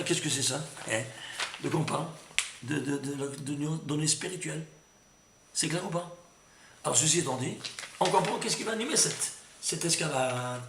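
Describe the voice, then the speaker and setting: A man teaching a Torah lesson in an echoey room, his voice high and bright with a gravelly edge. He talks in an emphatic rush, stumbling over restarts and stopping to ask whether the class is following. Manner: lively and emphatic, full of restarts, asks "C'est clair?" often.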